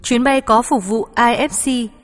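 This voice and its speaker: A woman's voice: fairly high pitch, unhurried. A woman speaking as a flight attendant, reading formal, polite scripted in-flight announcements. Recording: long hall-like reverb.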